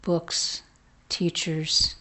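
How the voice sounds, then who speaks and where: A woman telling a folk tale aloud in a gentle, slow way, with hushed whispered asides. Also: lowish voice, flat delivery. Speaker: storyteller. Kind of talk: oral storytelling.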